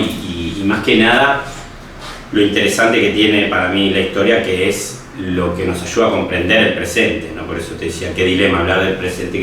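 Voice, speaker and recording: A man's voice: lowish voice, a bit bright. Reflective young Uruguayan man, echoey room. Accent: Uruguayan Spanish. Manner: reflective, many restarts and tag questions. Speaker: history student and teacher. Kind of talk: personal interview testimony. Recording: echoey room, distant mic, faint noise.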